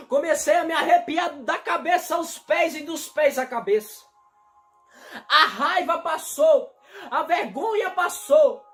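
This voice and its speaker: A young man giving a fervent evangelical testimony, repeating himself and breaking into shouts. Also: very high voice. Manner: fervent, repetitive, bursts into shouting. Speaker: testimony preacher.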